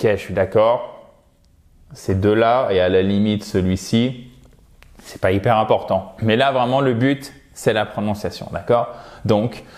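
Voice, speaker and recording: A French-accented man teaches pronunciation at an unhurried pace, stretching each word out for learners. His voice sits mid-range, and he drills the same word again and again in a patient, coaxing way. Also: mid-range voice, darkish tone. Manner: drills words slowly and repeatedly, patient, coaxing. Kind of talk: video lesson, modelling words for learners to repeat.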